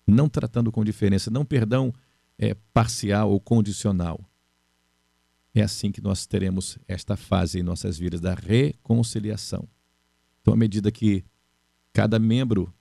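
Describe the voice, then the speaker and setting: A man's voice: fairly low pitch, gravelly, mellow, dry recording. A middle-aged man preaching a sermon, earnest and repeating his key phrases. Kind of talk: sermon on marriage.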